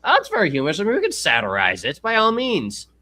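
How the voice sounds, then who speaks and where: A man chats on a casual livestream, reading an article aloud with jokes and frequent restarts. His voice sits somewhat high and bright. His pitch swings widely. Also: huge pitch swings, fast. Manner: jokey, laughs often, rambling restarts. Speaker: stream host.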